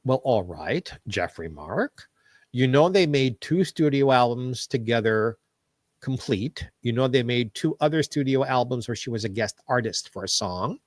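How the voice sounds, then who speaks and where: A man talking as a podcast guest in a casual interview, animated and opinionated as he tells stories. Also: mid-range voice, a little slow, no echo, studio quality. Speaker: podcast guest, show business historian.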